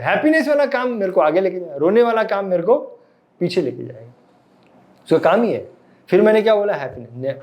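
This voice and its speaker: A man's voice: sits high, darkish tone. A man lecturing a live class, often quizzing his listeners and mixing in English phrases. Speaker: meditation and emotions teacher.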